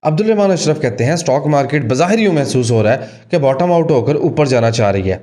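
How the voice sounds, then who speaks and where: A man with a Pakistani Urdu accent, co-hosting a talk show and briskly reading out listener messages. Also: mid-range voice, lively intonation, dark tone. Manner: brisk, reads questions aloud, short interjections. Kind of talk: casual talk-show chat.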